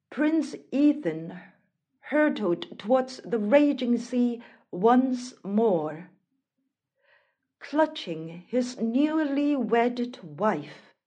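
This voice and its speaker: A woman reading a fairy tale aloud as a measured, expressive storyteller. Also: a little high. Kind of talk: scripted storybook narration.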